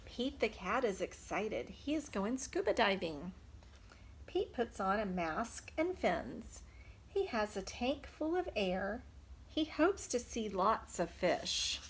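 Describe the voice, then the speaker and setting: A woman's voice: medium pitch, sing-song, slow, a little hiss or hum. A woman preschool teacher reading a picture book aloud, expressively, putting simple questions to young children. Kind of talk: children's storytime read-aloud.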